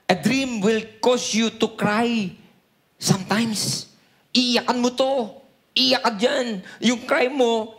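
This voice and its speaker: High gravelly Filipino pastor preaching. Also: male voice, fairly bright tone. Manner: peppers lines with "no?" and "hallelujah", call-and-response. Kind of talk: Taglish sermon.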